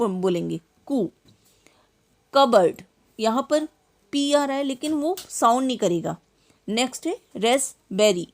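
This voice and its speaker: A woman teaching an English lesson, naming letters and saying example words one at a time. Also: a little high. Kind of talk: slow spoken grammar lesson.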